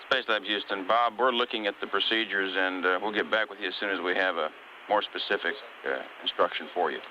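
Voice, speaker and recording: Low-voiced mission control man on hissy radio. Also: bright, forceful tone. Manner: measured, procedural, polite. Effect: radio transmission. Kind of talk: procedural radio communication with a spacecraft. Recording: dull hissy air-to-ground space radio.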